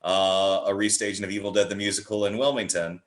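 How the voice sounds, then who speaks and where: A horror theatre director chats casually as a podcast guest, his voice on the low side with little pitch movement and a brisk pace. He rambles enthusiastically and acts out little quotes, and the room sounds echoey.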